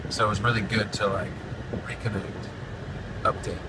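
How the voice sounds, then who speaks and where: Riding in a moving car, a forties podcast host and band frontman talks casually at a normal speed, his low voice easygoing, cheerful and promotional. The phone recording him sits at arm's length, a bit off-mic, and heavy road and engine noise fills the background.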